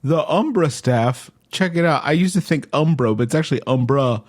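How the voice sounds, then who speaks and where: A man's voice: on the high side, animated, dry recording, clean studio sound. Flippant man playing his character. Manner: flippant, quick and joking. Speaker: player. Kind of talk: in-character tabletop play.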